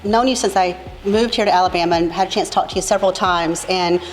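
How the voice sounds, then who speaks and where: Woman interviewer, friendly, low-pitched, reverberant room. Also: fast. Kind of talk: casual interview questions.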